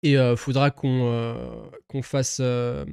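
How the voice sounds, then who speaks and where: A young man talks slowly and loosely to his live-stream viewers, piling up fillers and swearing as he goes. His voice sits at a middle pitch and sounds close and dry, with no room around it. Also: little pitch movement, gravelly, a little mellow, clean tone, no echo. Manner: rambling, filler-heavy, laughs at himself, swears often. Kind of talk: casual live-stream chat.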